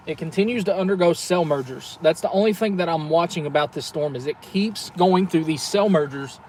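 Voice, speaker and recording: A man's voice: a little high, a little fast, darkish tone. A man giving casual, colloquial live commentary as a storm chaser. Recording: noisy field audio, outdoor and vehicle noise.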